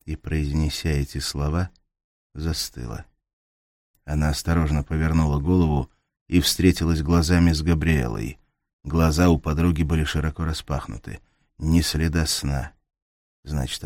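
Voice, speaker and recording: Male thriller narrator, bass-low pitch, dry close read. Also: fairly even intonation, normal speed, darkish tone, no room sound. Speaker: audiobook narrator. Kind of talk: scripted narration.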